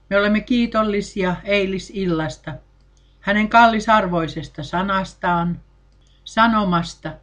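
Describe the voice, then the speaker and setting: A male preacher leads a church service that is streamed online. His delivery is solemn and measured. He speaks in short, repeated cadences as he gives thanks and reads scripture aloud. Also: high-pitched, a bit bright. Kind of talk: sermon with scripture reading.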